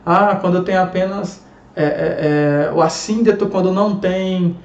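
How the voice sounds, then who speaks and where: A man with a Brazilian Portuguese accent teaching an online grammar lesson, lively and chatty, full of rhetorical questions. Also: high-pitched, a little slow. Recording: echoey room, dull lo-fi sound.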